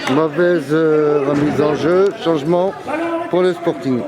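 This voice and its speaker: A man giving live sports commentary in a halting way, searching for his words. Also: a little high. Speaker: match commentator. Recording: loud sports hall crowd and bouncing balls. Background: crowd and ball bounces.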